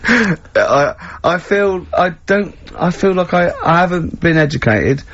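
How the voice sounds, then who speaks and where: A man's voice: high-pitched, lively intonation, takes it slowly, fairly bright tone. A man from England hosting a radio show, teasing his guest with mock outrage and bursts of laughter, recorded in a radio studio. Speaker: radio host. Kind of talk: casual radio chat, teasing banter. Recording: dull radio broadcast sound.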